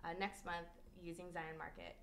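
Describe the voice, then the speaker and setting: A woman's voice: on the low side, flat delivery, moderate pace, creaky, fairly bright tone, a little hiss or hum. A woman hosting a casual cooking chat in an indoor kitchen. She laughs often and asks her guest lots of questions. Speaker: host.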